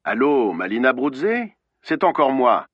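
A man's voice: mid-range voice, big pitch swings, measured pace, husky, dry recording, muffled recording. A man voicing a male killer on the phone, first pleading, then ironic and falsely polite, in an audiobook. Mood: mocking. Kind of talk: audiobook acting.

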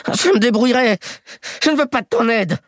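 A man voicing a scrawny, sneaky man who whines and sobs in a high voice, in a storybook reading. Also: animated, fairly quick, a bit bright, no room sound, clean studio sound. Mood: tearful panic. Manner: shrill, sobbing pleas.

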